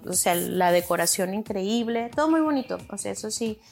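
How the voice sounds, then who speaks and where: A woman's voice: medium pitch, expressive, normal speed, vocal fry, darkish tone, soft background music. Chatty woman podcaster. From Chihuahua, Mexico. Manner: rambling, many fillers, acts out quotes. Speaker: podcast host. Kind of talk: casual monologue.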